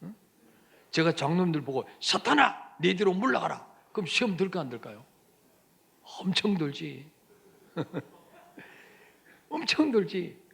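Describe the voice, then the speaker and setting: Lively, high-voiced preaching pastor. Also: male voice, husky. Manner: lively preaching, asks the congregation questions, acts out quoted lines. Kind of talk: sermon.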